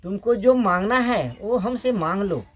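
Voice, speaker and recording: Man voicing a trapped spirit-bird of fate, begging, slow storybook telling. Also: sits high, lively intonation. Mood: pleading. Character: captured magic bird, pleading fate-spirit.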